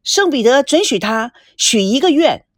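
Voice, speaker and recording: A woman narrating a story with a lively, expressive reading. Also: sits high, normal speed, dry recording, clean studio sound. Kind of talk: scripted narration.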